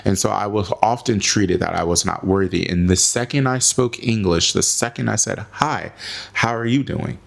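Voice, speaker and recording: Emphatic American man with a lowish voice. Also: normal speed, vocal fry, hardly any pauses. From United States. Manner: emphatic, repeats phrases for effect. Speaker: video host. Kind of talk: opinion commentary to camera.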